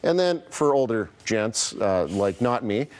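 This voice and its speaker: Deep-ish guy rattling off fishing gear on morning tv, eager. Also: very animated, unhurried, slight background noise. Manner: eager, rambling product walkthrough. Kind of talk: morning TV segment.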